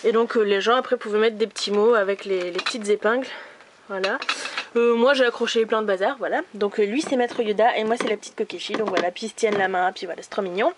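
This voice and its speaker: A woman's voice: mid-range voice, fast talker, background noise. A young woman from France casually showing her room, chatty and self-mocking with lots of fillers. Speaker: vlogger giving a room tour. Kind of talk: casual room tour narration. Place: bedroom at home, indoors.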